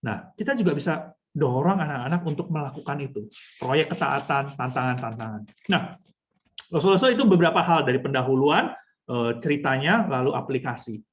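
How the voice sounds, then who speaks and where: A woman's voice: rumbling low, expressive, fairly quick, lo-fi sound. Woman teaching storytelling over a video call. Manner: instructive, addresses listeners often, acts out examples. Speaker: children's ministry trainer.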